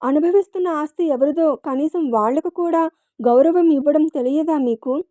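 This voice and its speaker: A woman's voice: high voice, moderate pace, mellow, no echo, natural voice. A woman voicing a frightened young woman caretaker in an audio story, timid and stammering. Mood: stern.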